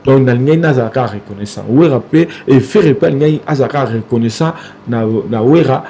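Guy, mellow low voice, gets worked up n repeats himself, slight noise behind. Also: normal speed. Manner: animated, repeats himself, trails off. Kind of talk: casual interview talk.

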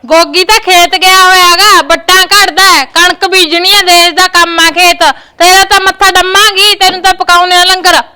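An actress playing a sharp-tongued, nagging village mother with a Punjabi accent. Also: very high-pitched, flat delivery, normal speed, few pauses. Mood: scolding. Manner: scolding, nagging. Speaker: mother and sister-in-law.

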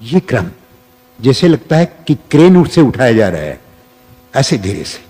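A man giving a spiritual discourse as a teacher, speaking deliberately with long pauses. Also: medium pitch, big pitch swings, dark tone.

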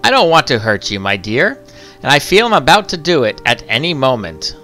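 A man voicing a kindly, fatherly skeleton man in a game let's-play, soft and comforting. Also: medium pitch, sing-song, a little fast, soft background music.

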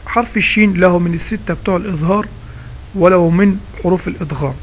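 A man with an Egyptian Arabic accent teaches a recitation lesson in a casual spoken style, posing questions to himself and answering them step by step. His voice is high-pitched and fast, with slight background noise.

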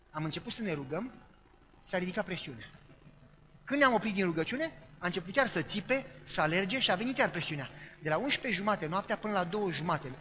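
A male preacher tells a sermon story and acts out what people said and the noises they made. His voice sits high and sounds bright. The recording is dull, and a long hall reverb trails after his words. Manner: dramatic storyteller acting out quoted voices and sound effects.

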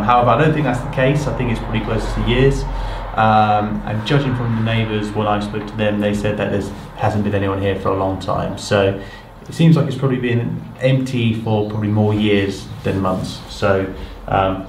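A man's voice: fairly low pitch, little pitch movement, a little fast, few pauses, a little hiss or hum. A man in his thirties from the UK, casually walking through an empty house he is renovating and thinking aloud with lots of ums. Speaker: property renovator. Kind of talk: casual walkthrough vlog. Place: empty house, bare indoor rooms. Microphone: camera mic at a distance. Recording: echoey empty rooms, slightly distant mic.

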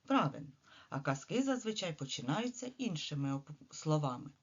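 Expressive woman teacher reading to children. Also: deep voice, moderate pace, husky, dull audio. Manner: expressive, coaxing questions to children. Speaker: kindergarten teacher. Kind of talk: reading a story aloud and questioning children.

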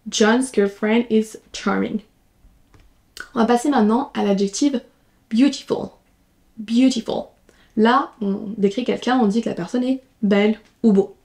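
Mellow-voiced woman teaching English. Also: mid-range voice. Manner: slow, careful model sentences. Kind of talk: language lesson.

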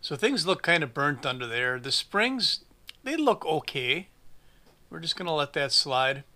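Sharp-toned and a little high, the voice swings widely in pitch and never hurries. It belongs to a forties-aged mechanic from a small engine repair shop who narrates a chainsaw repair at his workbench, plain-spoken, dryly funny, and thinking aloud as he works.

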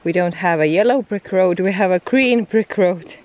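A woman's voice: lowish voice, moderate pace, darkish tone, dull audio, slight background noise. A woman recording a casual hiking vlog outdoors on a mountain trail, chatty and easygoing, often laughing between remarks. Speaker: hiking vlogger. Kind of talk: casual vlog chat to camera.

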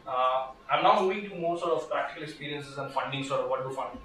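A lawyer in his thirties with an Indian English accent gives a conversational legal workshop talk, standing and gesturing, full of restarts and fillers. His mid-range voice is fast and fairly bright. A far camera with no mic catches him in a small, echoey seminar room with a projector, and background noise comes through.

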